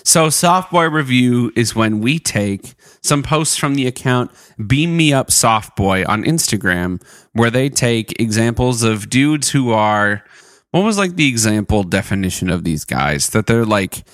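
A man's voice: mid-range voice, animated, a little slow, a bit bright, dry recording. A man co-hosting a comedy podcast, chatting loosely, with lots of giggling and filler words. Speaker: podcast co-host. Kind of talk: casual comedic chat.

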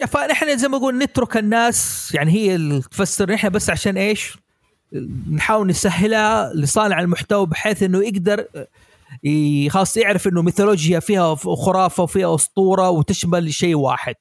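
A man hosting a podcast, explaining ideas in a lively way and asking his guests for their views. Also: sits high, quick pace, no room sound, clean studio sound. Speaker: podcast host. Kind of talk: casual podcast discussion.

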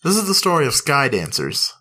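Bright, animated man hosting a comedic podcast. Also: medium pitch, brisk. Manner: animated, profane, playful. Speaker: podcast host. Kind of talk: comedic history podcast, narration mixed with casual chat.

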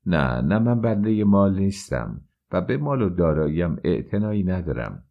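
A man's voice: low voice, animated, phone-quality sound. A man voicing a proud, defiant young actress and courtesan in an audiobook, speaking frankly and with scorn. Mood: proud, scornful.

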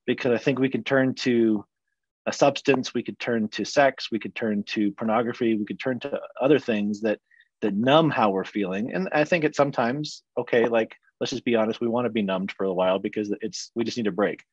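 A man's voice: medium pitch, fairly quick, slightly rough, no echo, dull audio. A man who works as a counselor, talking frankly and reflectively in a casual podcast chat.

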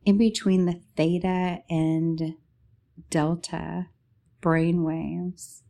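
Woman doing slow sleepy meditation narration, soft mellow gravelly voice, like a sleep story podcast. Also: deep voice. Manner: unhurried, pausing between short phrases. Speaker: podcast host.

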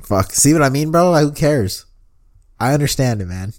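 A man's voice: medium pitch, expressive, moderate pace, a little mellow. A young American man in casual chat, talking like a frat bro in loose slang with plenty of swearing. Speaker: podcast co-host.

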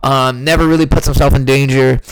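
A man's voice: medium pitch, steady tone, fairly quick, clear, resonant tone, dry recording, poor audio. A man casually breaking down upcoming fights as a show host, rambling with lots of fillers and self-corrections while fighting off the hiccups. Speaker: MMA podcast host.

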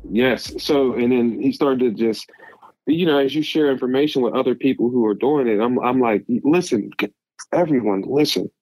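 A man's voice: medium pitch, normal speed, darkish tone, no room sound, faint music behind, poor audio. A man talking casually as a podcast guest, giving advice in an emphatic, rambling way.

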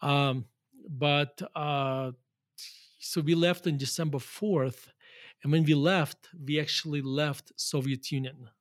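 A man's voice: on the high side, steady tone, slow, no echo, studio quality. A man in his forties with a Russian accent, a guest in an interview, talking loosely with many fillers and restarts. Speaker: guest investor. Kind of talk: conversational interview.

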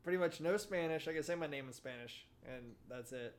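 A man's voice: fairly high pitch, brisk. A young man telling rambling, self-deprecating stories on a casual podcast. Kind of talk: casual storytelling.

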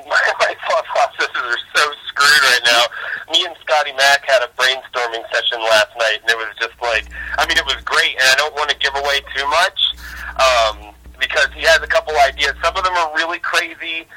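A man's voice: mid-range voice, normal speed, pushed and bright, low-quality recording. A man calling in on a speakerphone, chatting casually as a podcast co-host with loose, laughing talk full of fillers and restarts. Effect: heard over a speakerphone call. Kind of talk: casual chat.

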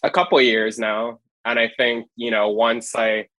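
A man's voice: medium pitch, normal speed, no room sound, poor audio. Young guy from hawaii rambling along on a podcast, very dry mic. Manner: relaxed, rambling, lots of fillers and laughs. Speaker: photographer guest. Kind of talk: casual podcast interview.

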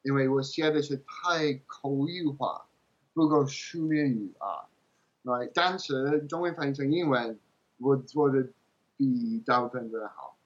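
A foreigner, a native English-speaking man, chatting casually in English-accented Mandarin as an interview guest, halting as he searches for words and slipping into English. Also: mid-range voice, highs cut off. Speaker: interview guest, game translator.

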